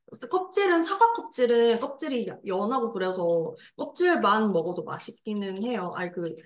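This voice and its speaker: A woman teaching a literature lesson online, explaining a story passage in a lively way, acting out scenes and chatting aside with her students. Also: medium pitch, normal speed, echoey room, highs cut off. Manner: lively, acts out scenes with sound effects and voices. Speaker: Korean language teacher.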